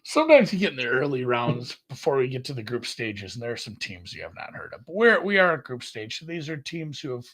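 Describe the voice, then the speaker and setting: A man's voice: a little fast, hardly any pauses. A man co-hosting a sports betting podcast, talking in a rambling casual way and correcting himself often. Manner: rambling, self-correcting, lively jumps in pitch. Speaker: podcast co-host.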